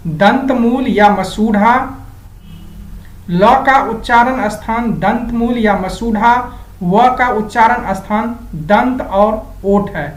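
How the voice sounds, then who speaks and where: A woman's voice: a little high, echoey room, poor audio. A woman teaching an exam-prep grammar lesson, going step by step and repeating the key items.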